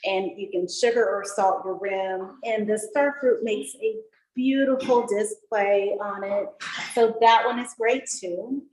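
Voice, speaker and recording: With a medium-pitched, slightly mellow voice and a somewhat slow delivery, a woman teaches cocktail-making online. She is a mixology instructor, cheerful and talkative, describing every step while she mixes, recorded in an echoey room with faint background noise.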